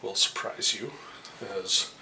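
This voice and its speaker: A man running a tabletop game as game master, relaxed and encouraging, quick to laugh. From Canada. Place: convention room. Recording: echoey room with noise.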